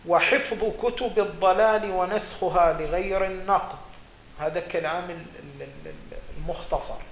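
A man's voice: high voice, normal speed, gravelly, a little hiss or hum. A male religious scholar gives a seminary lecture, reading quoted legal texts aloud and then explaining them. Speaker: religious scholar teaching jurisprudence. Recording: echoey room with faint ambience.

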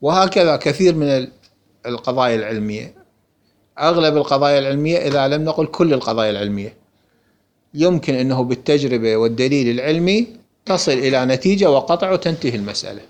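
A man's voice: medium pitch, expressive, quick pace. A man with an Iraqi accent giving a religious lesson, explaining a book and answering his own questions. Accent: Iraqi Arabic. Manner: rhetorical questions answered himself. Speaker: religious teacher. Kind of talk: lecture explaining a text.

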